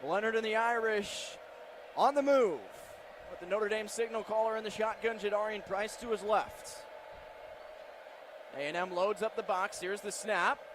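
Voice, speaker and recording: A man with a high-sitting voice gives live radio play-by-play of an American football game at a moderate pace. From his stadium broadcast position, he describes each play in short present-tense bursts while faint stadium sounds carry in the background.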